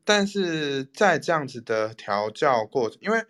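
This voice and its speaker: A man's voice: mid-range voice, sing-song, unhurried, a bit bright. A male podcast host chatting casually, hesitant, often repeating words as he starts a sentence. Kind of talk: casual interview chat.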